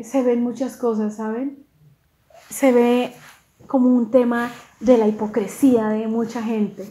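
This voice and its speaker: Woman preacher in an echoey room. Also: fairly high pitch. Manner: animated retelling, with restarts and voiced quotes. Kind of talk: sermon storytelling.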